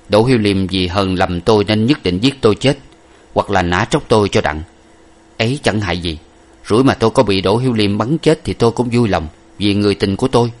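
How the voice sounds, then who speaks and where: A man voicing an earnest young masked gentleman who speaks in a grave, measured way. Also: lowish voice, lightly acted.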